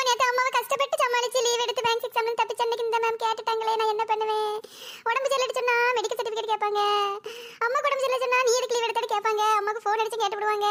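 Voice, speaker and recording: A woman's voice: very high-pitched, fairly bright tone, a little hiss or hum. A woman voicing a whiny scheming schoolgirl. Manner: whiny pleading, drawn-out. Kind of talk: cartoon comedy voice acting.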